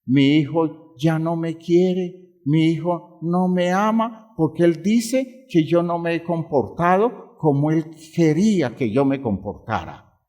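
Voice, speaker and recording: A man's voice: fairly high pitch, lively intonation, slow, mellow, pitched above the performer's own voice. Guilt-ridden mother, voiced by a man, tearful, pleading, slightly raised. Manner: pleading, broken prayer. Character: weeping, guilt-ridden middle-aged mother.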